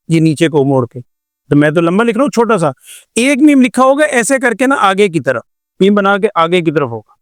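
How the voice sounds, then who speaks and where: A man's voice: sits high, dry recording, studio quality. An older man from Pakistan teaching Quran recitation in a patient classroom lecture, explaining with repeated examples and rhetorical questions.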